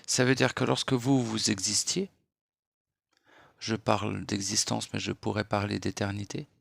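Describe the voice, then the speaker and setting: A man giving a late-night spiritual monologue in a hushed, unhurried voice, lecturing and posing rhetorical questions. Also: fairly low pitch, flat delivery, creaky, dry recording, studio quality. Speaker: spiritual speaker.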